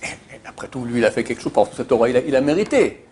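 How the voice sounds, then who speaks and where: Against crowd noise, a man with a medium-pitched voice talks very fast. He's a Torah teacher leading an informal class, spinning anecdotes with emphatic repetitions. His animated telling is full of hesitations and the filler "euh."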